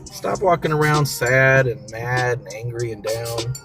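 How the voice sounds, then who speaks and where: Music plays behind this Southern host, originally from Mississippi and Florida, as he livestreams motivation from his vehicle during a commute. He speaks at a measured pace in a medium pitch, keeping it slangy and upbeat and hammering key phrases through repetition.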